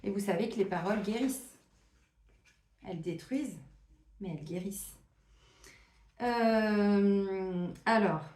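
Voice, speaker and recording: Casual woman doing a spiritual card reading, soft and rambling, lots of little pauses, room sounds kinda echoey. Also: mid-range voice. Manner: soft, meandering, frequent hesitations and asides. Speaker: tarot and oracle card reader.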